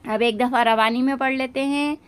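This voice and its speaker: A woman with a high, steady, clean voice teaches a religious lesson step by step. As a patient religious teacher, she speaks slowly and stretches out words to demonstrate how they should be pronounced.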